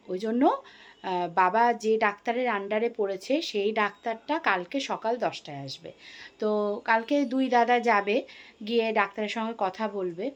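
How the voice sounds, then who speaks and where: A middle-aged woman, talking to her viewers in a casual daily vlog, chatty and full of fillers. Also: fairly high pitch. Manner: chatty, addresses viewers as friends, frequent fillers. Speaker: vlogger.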